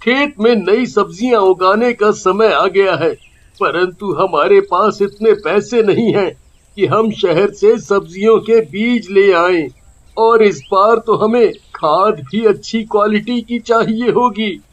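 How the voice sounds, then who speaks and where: Cartoon farmer: worried, high, slow, muffled lo-fi sound. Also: male voice. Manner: anxious, complaining. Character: worried poor farmer husband. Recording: dull lo-fi sound.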